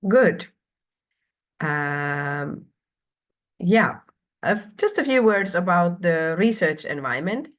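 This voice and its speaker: Speaking in a lowish voice, a woman in her thirties from Finland introduces a university program online, often hesitating and using filler sounds.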